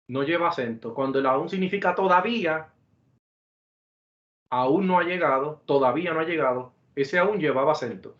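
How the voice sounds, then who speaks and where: A man teaching a math class online, explaining slowly and deliberately, repeating examples and correcting himself as he goes. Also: a little high, fairly bright tone. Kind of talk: virtual classroom lecture. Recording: roomy, dull lo-fi sound.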